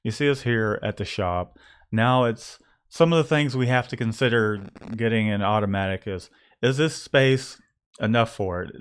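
Rambling shop owner, chatty. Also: male voice, fairly low pitch, moderate pace, smooth. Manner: rambling, self-correcting, joking. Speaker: co-owner of a screen printing shop, channel host. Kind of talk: casual chat. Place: screen printing shop.

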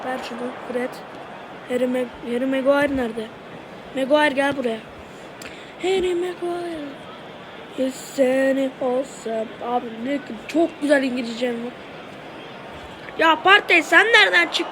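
A streamer giving casual commentary while playing a mobile football game, excitable and swearing and shouting at their own players, voice going hoarse. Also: high-pitched, normal speed, background noise.

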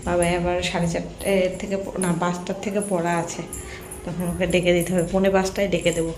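A woman's voice: on the low side, level tone, fast talker, a little mellow, soft background music. A middle-aged woman chatting casually in a home vlog, rambling with many fillers, recorded on a phone camera at home. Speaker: vlogger. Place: home kitchen and bedroom.

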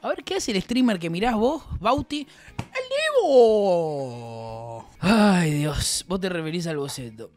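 A man's voice: sits high, lively intonation, normal speed, hardly any pauses, soft background music. A man with a Rioplatense Argentine accent chatting casually on his stream, rambling and joking in heavy slang.

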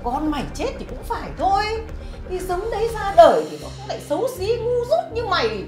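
A woman's voice: very high-pitched, big pitch swings, fairly quick, mellow. An actress playing a cruel, scheming old mother-in-law who scolds shrilly and turns falsely sweet with guests. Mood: scolding. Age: older. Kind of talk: TV drama acting. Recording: roomy echo, music behind.

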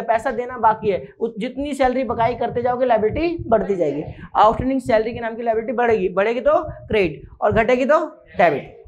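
A man with a high voice leads an accounting lesson, drilling each rule through repetition and quick quizzing of his students. The recording sounds dull and lo-fi. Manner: drills rules by repeating them and quizzing students. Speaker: accounting teacher. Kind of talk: classroom lecture.

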